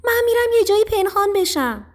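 A woman doing a squeaky urgent little mouse. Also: animated. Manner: high and urgent. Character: small lively caring mouse friend.

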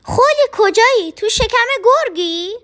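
A woman voicing a small timid young donkey who stammers and squeals in a high, excited voice. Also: exaggerated voice. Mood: frightened.

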